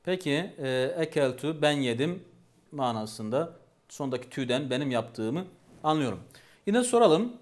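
A man's voice: mid-range voice, very animated, a little slow. A man teaching a language lesson, patiently repeating each phrase and asking questions.

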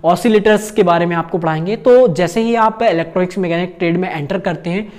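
A man's voice: high voice, fast, a little mellow. Young man explaining a course to camera. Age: young adult. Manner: casual, peppers talk with filler tags and gestures while explaining. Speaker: channel host, course guide.

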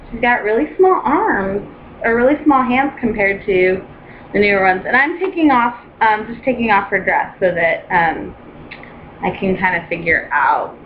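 A young woman's slightly high voice talks slowly and unhurriedly through a casual home vlog, gushing with excitement and stopping often for ums and fresh starts. The recording is dull and lo-fi, with a faint hiss behind her. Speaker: doll collector vlogger.

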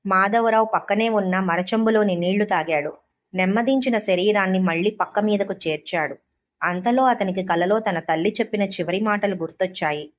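A woman reading a short story aloud as an audiobook narrator, in a calm, measured way. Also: medium pitch, muffled recording.

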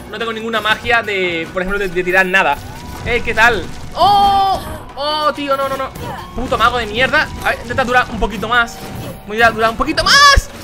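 A young man with a Spanish accent commentating a video game he is playing, casual, excitable, shouting and swearing when things go wrong. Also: high-pitched. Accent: Spain. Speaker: gaming youtuber. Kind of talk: casual let's play commentary.

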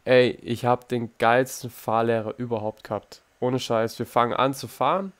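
A man's voice: mid-range voice, little pitch movement, normal speed. Young guy rambling a story over a game, slangy, swears a ton, acts out the quotes. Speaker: gaming YouTuber. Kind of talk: casual storytelling over gameplay.

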